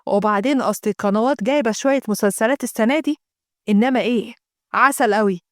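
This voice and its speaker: A woman's voice: on the high side, fast, no echo, studio quality, pitched below the performer's own voice, lightly acted. A woman voicing an easygoing husband with an Egyptian accent, talking in a coaxing, laid-back way. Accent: Egyptian Arabic. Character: easygoing husband who loves TV serials.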